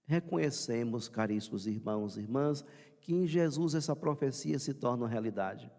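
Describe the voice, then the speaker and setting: Brazilian priest guy preaching slow in a church, mid-pitched, lots of hall echo. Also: lively intonation, mellow. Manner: slow, measured preaching with deliberate pauses. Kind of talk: Sunday homily broadcast on radio.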